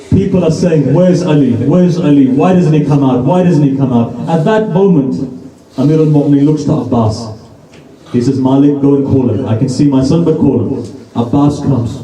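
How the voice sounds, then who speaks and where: Male preacher, emotive storyteller, very mellow tone, roomy distant pickup. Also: medium pitch. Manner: emotive, dramatic retelling in short lines. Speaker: majlis preacher. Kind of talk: sermon storytelling. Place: gathering in a private home. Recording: roomy sound from a distant mic.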